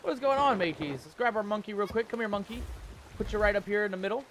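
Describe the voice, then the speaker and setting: Quick and high-voiced, a gaming video host delivers excited commentary with theatrical playfulness and scraps of pirate slang, over loud game music. The recording is low quality, with a little hiss or hum.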